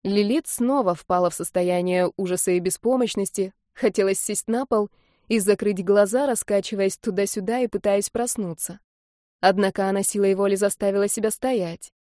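Woman narrating a novel, calm steady read, warm low tone, dead dry mic. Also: dry recording. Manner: measured, even storytelling. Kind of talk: audiobook narration.

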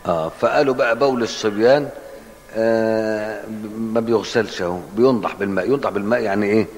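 A man's voice: on the low side, quick pace, a little hiss or hum. A man with an Egyptian Arabic accent teaching hadith in a colloquial, explanatory way and asking his class questions. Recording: long hall reverb.

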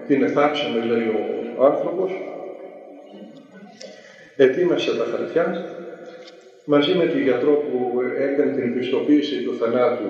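A man, a monastic elder, tells a story in a sermon, speaking slowly and deliberately and acting out the voices of the people in it. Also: medium pitch. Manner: slow, deliberate storytelling that acts out the quoted voices. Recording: distant, echoey hall, dull lo-fi sound.

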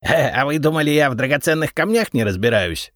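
A man's voice: medium pitch, sing-song, moderate pace, a bit bright, no echo, studio quality, pitched above the performer's own voice. A man voicing a brash, smug male treasure-finder who argues defiantly and raises his voice, in an audiobook. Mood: defiant, cocky. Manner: defiant, argumentative. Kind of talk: audiobook character reading.

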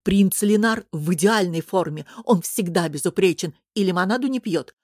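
A woman reading an audiobook who voices a plump, fussy male court tailor, excitable and quick to take offence. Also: on the low side, dry recording, studio quality, lightly acted. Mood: indignant. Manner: excitable, indignant, flustered. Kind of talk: audiobook character voice.

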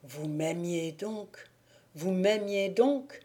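A woman voicing a tormented young man who pleads in a low, heavy voice, in an audiobook. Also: slow, mellow. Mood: despairing. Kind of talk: audiobook character reading.

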